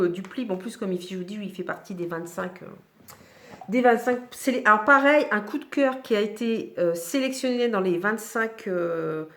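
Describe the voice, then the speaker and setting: A woman chatting casually about books she has read, hesitating often with fillers and restarts. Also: mid-range voice. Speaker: book vlogger. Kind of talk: casual book review chat. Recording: echoey room.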